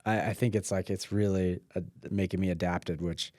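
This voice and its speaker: Casting: man, lowish mellow voice, loose filler-heavy chat, dry close sound. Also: fairly even intonation, moderate pace, no echo. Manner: rambling, filler-heavy, trails off quietly. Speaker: podcast guest. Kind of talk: casual conversation. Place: mountain home.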